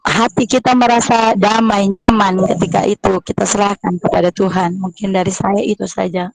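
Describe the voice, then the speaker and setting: A woman with a cough in her voice, earnestly sharing a personal reflection with her church group over a video call, speaking in halting phrases. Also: medium pitch, flat delivery, gravelly, rough recording. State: coughing, voice weak. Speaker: group member.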